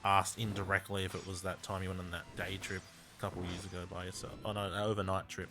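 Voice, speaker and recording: A man's voice: sits low, completely flat delivery, fast talker, fairly bright tone, faint music behind. An Australian man co-hosting a let's play, throwing in dry teasing quips. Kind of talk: casual chat over gameplay.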